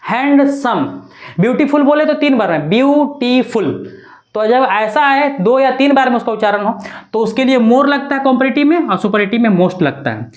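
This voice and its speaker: A woman's voice: fairly high pitch, lively intonation, a little fast. A woman teaching an English grammar lesson, spelling words out letter by letter and checking in with her students often. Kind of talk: classroom-style grammar lesson.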